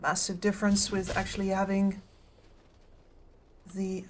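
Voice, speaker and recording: Female esports analyst, medium-pitched voice. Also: completely flat delivery, unhurried. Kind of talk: analytical live game commentary. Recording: faint game noise behind.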